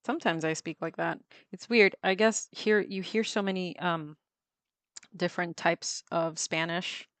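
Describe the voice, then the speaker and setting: Chatting while she draws on a tablet during a livestream, a woman with a slightly low, fairly bright voice laughs easily and fills her speech with ums and half-finished words. Her intonation is fairly even. The close-miked audio is dry, with no echo or room sound.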